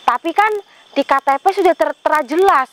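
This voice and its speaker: A woman with an extremely high, piping voice hosts a ghost-hunting vlog. She poses questions to someone unseen and repeats the replies to her viewers, breaking in often with pious exclamations. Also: brisk, a little hiss or hum. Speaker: paranormal vlogger relaying a spirit.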